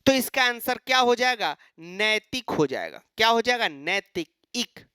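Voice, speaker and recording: A man's voice: high voice, big pitch swings, unhurried, pushed and bright, clear, resonant tone, no room sound, studio quality. A man teaching an exam-prep lecture, asking and answering his own questions and mimicking students.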